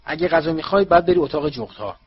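Frustrated teen wizard boy, read by a man, raised and loud, dull sound with faint hiss. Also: on the high side, lively intonation, voice pushed up, close to an everyday voice. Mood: angry. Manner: loud, exasperated outbursts. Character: frustrated teenage boy wizard, short-tempered.

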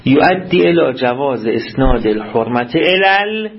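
A seminary jurisprudence class is led by a man whose voice is husky, expressive, and mid-range; he reads the Arabic text, explains it in Persian, and keeps quizzing his students. The audio loses its high end.

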